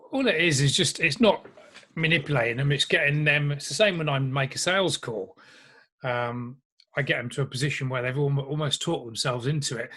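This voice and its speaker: A man's voice: mid-range voice, fairly quick. A man in casual conversation, telling stories and acting out quotes. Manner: animated storyteller, acts out quotes. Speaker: host. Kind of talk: casual chat.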